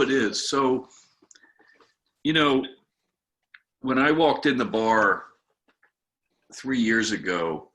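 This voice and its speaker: A man's voice: on the low side, bright, forceful tone. A man, a pastor, presenting a workshop on a video call, telling candid stories with a slightly snarky humor. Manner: candid storyteller, a bit snarky. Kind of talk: conversational workshop talk with stories.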